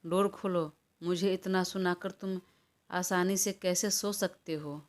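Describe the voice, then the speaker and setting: A woman's voice: on the low side, steady tone, unhurried, close to an everyday voice. A woman reading an audio story, voicing a stubborn, hot-tempered young woman in a quarrelsome, defiant manner. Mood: demanding. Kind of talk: audiobook character voice.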